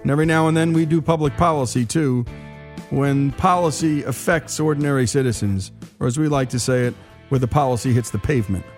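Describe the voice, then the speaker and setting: A man hosting a radio talk show, introducing guests in a brisk, conversational, emphatic way. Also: mid-range voice, a little mellow, soft background music. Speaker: radio host.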